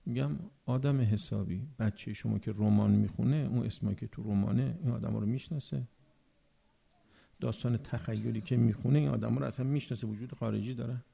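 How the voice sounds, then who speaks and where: A man preaching a religious sermon, animated and rhetorical, often asking his listeners whether they agree. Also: medium pitch, gravelly, slightly rough. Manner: animated, acts out everyday speakers.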